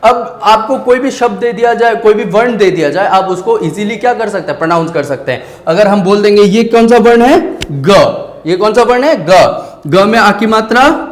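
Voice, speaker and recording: A man teaching a Hindi grammar class, explaining slowly and asking questions that he answers himself, drawing vowel sounds out syllable by syllable. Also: sits high, echoey room. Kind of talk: online Hindi grammar lesson.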